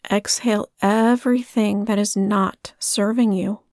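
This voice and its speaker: A woman leading a guided breathing meditation in a soft, soothing way. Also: mid-range voice, steady tone, measured pace, dry recording, clean studio sound.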